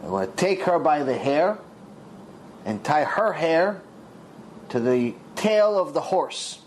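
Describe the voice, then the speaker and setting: Male rabbi, sermon storyteller, lively swooping delivery, slightly high voice, faint hiss behind. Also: takes it slowly, low-quality recording. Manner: dramatic storyteller, voices the characters with big pitch swings.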